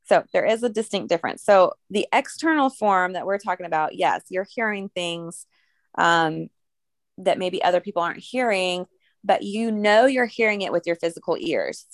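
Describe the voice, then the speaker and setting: A young woman co-hosting a casual podcast, rambling through a story with fillers and small laughs. Her voice has a gravelly edge and is recorded dry and close. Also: fairly low pitch, animated, normal speed, dry recording. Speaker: podcast co-host. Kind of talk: casual chat.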